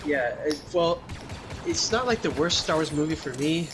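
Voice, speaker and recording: A man's voice: on the high side, lively intonation, moderate pace. Hesitant man, noisy recording. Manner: hesitant, stammers on starts. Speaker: panel guest. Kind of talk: casual group chat.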